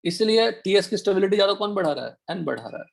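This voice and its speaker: A man teaching an online chemistry class, firing quick questions at his students to check they follow. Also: high voice, lively intonation, vocal fry. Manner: quizzing students with rapid questions. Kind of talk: online chemistry class, Hindi mixed with English.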